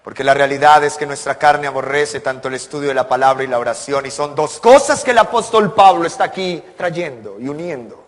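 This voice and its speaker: A man preaching from the pulpit with a high, ringing voice. He presses his points with earnest rhetorical questions and emphatic climaxes. His words echo with a long reverb through a church sanctuary. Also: brisk, hardly any pauses. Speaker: pastor. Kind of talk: sermon.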